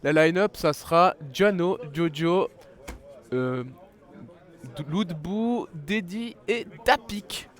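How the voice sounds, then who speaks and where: An esports caster with a head cold provides live commentary, chatty and full of fillers and restarts. His voice is high-pitched and slow.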